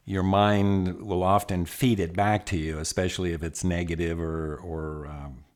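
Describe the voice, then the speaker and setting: A middle-aged man, an executive coach, telling stories in a lively, conversational way with frequent restarts and asides. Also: sits low, unhurried. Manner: animated, many restarts and asides. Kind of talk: conversational storytelling.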